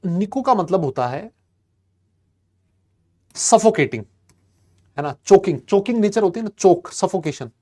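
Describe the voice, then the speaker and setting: A man teaching a chemistry class, chatty and lively, quizzing and teasing his students and mixing English terms into his talk. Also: sits high, measured pace, long pauses. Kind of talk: classroom lecture.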